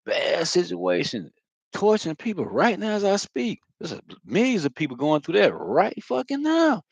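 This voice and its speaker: A man's voice: sits high, wildly swooping pitch, moderate pace, gravelly, slightly rough, no echo. A man giving a loose, profane spiritual monologue, talking casually with lots of fillers. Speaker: spiritual vlogger.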